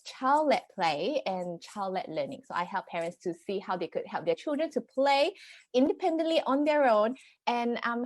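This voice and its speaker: A Singaporean parenting coach in her thirties appears as a guest on a conversational podcast, earnestly explaining her ideas. Her voice sits a little high, with lots of fillers and restarts. There's no echo.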